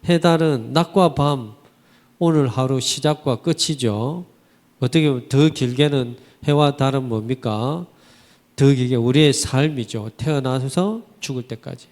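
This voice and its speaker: A man's voice: mid-range voice, measured pace. A man preaching a Sunday sermon, asking his congregation rhetorical questions and using vivid everyday expressions. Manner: animated, vivid colloquial storytelling. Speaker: pastor. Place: church sanctuary. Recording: church hall reverb.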